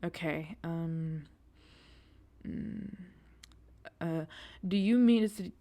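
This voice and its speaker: In an audio roleplay, a woman plays a nervous yet excitable young girlfriend on a date, reassuring the listener casually with hesitant asides and eager repetition. She speaks very slowly in a lowish voice, with slight background noise.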